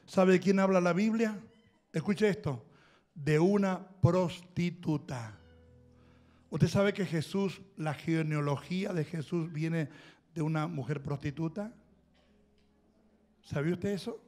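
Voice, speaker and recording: A man's voice: a little high, slow, pauses often, dark tone. A male pastor with a Rioplatense accent preaching a sermon, emphatic and exhorting, calling on the congregation to repeat after him. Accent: Rioplatense Spanish. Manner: emphatic, exhorting, with audience call-and-response. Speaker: apostle and pastor.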